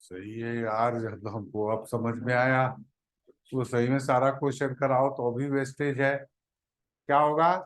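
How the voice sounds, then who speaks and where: A man teaching a chemistry class, pausing to scold and prod his students to answer. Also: medium pitch, little pitch movement. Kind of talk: classroom lecture.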